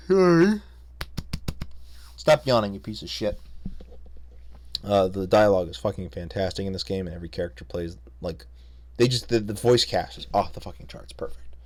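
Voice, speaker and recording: A young man in an unscripted, excitable and profane casual recap of games he played, rambling with frequent swearing. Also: fairly low pitch. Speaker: gaming video creator.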